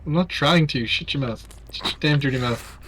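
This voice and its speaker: A man's voice: fairly high pitch, a little fast, a bit bright, slight background noise. A young man from Canada chatting casually while playing a game, joking, swearing freely and laughing at his own stories. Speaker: streamer. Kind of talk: casual gaming chat.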